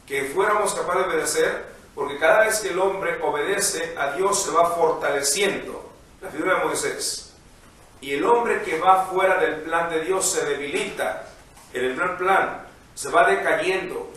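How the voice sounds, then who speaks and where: A man's voice: on the high side, a bit bright. A male priest reading scripture and preaching a homily to the faithful. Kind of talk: gospel reading and sermon. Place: inside an echoing church. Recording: roomy echoing church, distant mic, faint noise.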